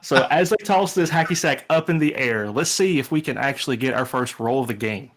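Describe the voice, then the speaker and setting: A man narrating as game master of a tabletop game, with a relaxed, chatty manner. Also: medium pitch, fairly quick. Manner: relaxed, chatty, restarts sentences.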